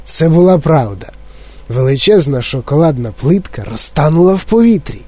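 A man reads a children's story aloud with lively expression. His voice sits on the higher side but has a mellow, soft edge. The recording is close and dry, with no room sound. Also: normal speed, dry recording. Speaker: audiobook narrator. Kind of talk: storybook reading.

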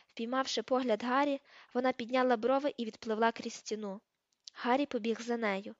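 A woman reading an audiobook aloud in a steady storytelling voice, in a dull, dry recording. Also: fairly high pitch, normal speed, no echo. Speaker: audiobook reader. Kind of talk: audiobook narration.

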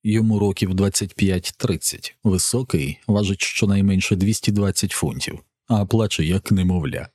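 A man reading a novel as an audiobook narrator, in an even, measured storytelling voice. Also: low voice, breathy edge, no room sound, studio quality. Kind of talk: scripted narration.

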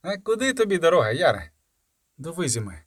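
A man voicing a loud, overly friendly young man who acts as an old pal. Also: fairly high pitch, sing-song, brisk, dry recording, clean studio sound, voice pushed up. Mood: jovial.

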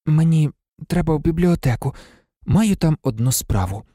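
A man's voice: a little high, normal speed, no echo, clean studio sound. A man doing a subdued teenage boy. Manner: flat, subdued. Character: gloomy teenage schoolboy, reserved.

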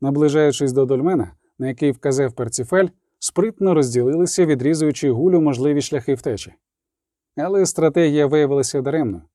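A man narrating an audiobook with measured storytelling and a lively, shifting pitch. His tone is mellow and the recording is dry and close. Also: no room sound.

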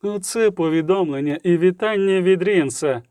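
A man's voice: high-pitched, expressive, moderate pace, darkish tone, smooth, dry recording. A man voicing a tall, cold male half-elf assassin who speaks in a menacing hiss, in an audiobook. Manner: hissing, cold.

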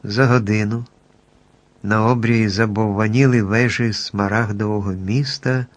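A man calmly narrating a children's storybook at an even pace. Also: on the low side.

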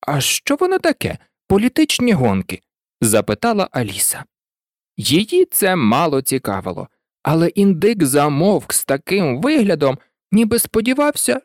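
A narrator reading a children's storybook aloud with an expressive, swooping delivery. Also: mid-range voice, no room sound, clean studio sound.

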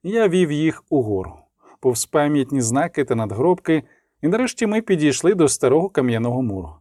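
Male audiobook narrator, dramatic reading, mellow tone, dry close sound. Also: fairly high pitch, brisk, no room sound. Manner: reads with lively dramatic emphasis, voicing the dialogue lines. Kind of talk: scripted narration.

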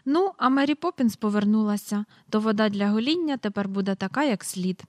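A chatty, slightly pompous middle-aged father from a storybook reading, as a woman narrator puts him on. He speaks mildly at a medium pitch, with a touch more lift than the narration. The sound is dry and close. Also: lively intonation, brisk, no echo, lightly acted. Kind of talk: audiobook character reading.

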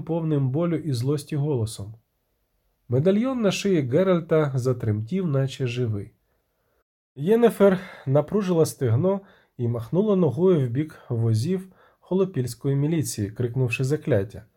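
A man's voice: on the high side, warm tone, breathy edge. A man narrating a fantasy audiobook expressively, giving the characters voices.

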